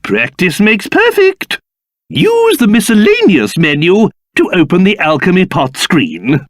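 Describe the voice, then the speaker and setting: A man's voice: sits high, unhurried, no echo, studio quality, full character voice. Pompous British monster King Trode, wildly swooping. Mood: advisory. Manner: pompous, fussy, excitable, exaggerated delivery. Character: pompous, fussy old king turned into a small monster. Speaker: video game character voice actor. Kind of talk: theatrical video game voice acting.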